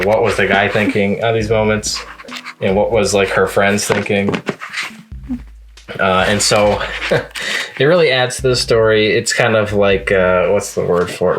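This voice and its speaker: A man's voice: fairly low pitch, noisy background. A man casually reviewing the manga he read that week, rambling along with lots of fillers and restarts. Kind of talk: casual reading-log review.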